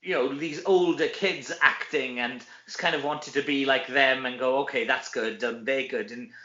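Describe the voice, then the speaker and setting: This actor and comedian from Wales talks at a normal speed, his bright, medium-pitched voice fairly even in intonation. As an interview guest he swaps casual anecdotes, pokes fun at himself and keeps dropping in "you know." Sound quality is dull and lo-fi, with echo from a roomy space.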